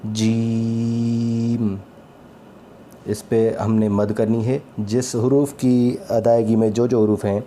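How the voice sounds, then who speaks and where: Male recitation teacher, low even voice, calm and patient, drills letters slowly with faint hiss behind. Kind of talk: slow spoken lesson on letter pronunciation.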